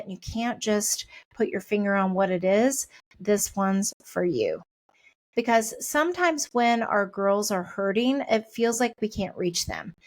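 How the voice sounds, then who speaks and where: A middle-aged woman hosting a parenting podcast, giving a chatty, encouraging pep talk and talking things through out loud. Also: medium pitch, dry recording.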